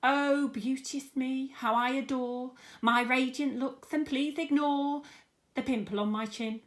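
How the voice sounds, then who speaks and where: A woman's voice: sits high, steady tone, unhurried, voice pushed up. A woman as screeching, spiteful storybook aunt. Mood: vain, gushing. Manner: sharp, screeching, snappish. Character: spiteful, vain, bossy bony aunt, Spiker.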